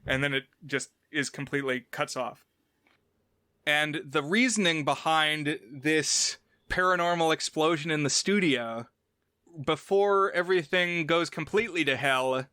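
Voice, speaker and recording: Bright, crisp-voiced man recapping a film. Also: on the high side, dry recording, clean studio sound. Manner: recaps the plot at length in a loose, conversational way. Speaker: podcast co-host. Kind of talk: casual film review chat.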